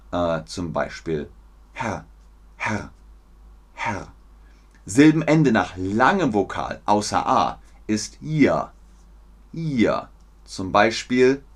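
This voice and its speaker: A man teaching German pronunciation on a live stream, repeating words with exaggerated care and answering viewers in the chat. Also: lowish voice. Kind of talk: live-streamed language lesson.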